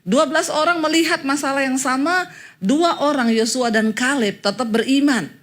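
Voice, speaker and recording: A woman pastor preaching a sermon and telling a personal story in an animated way, acting out what others said. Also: high-pitched, normal speed.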